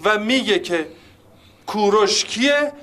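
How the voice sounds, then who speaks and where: A deferential, polite husband who speaks up for his wife in a sitcom. His voice is high and eager. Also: animated, fairly bright tone. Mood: earnest. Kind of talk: sitcom acting.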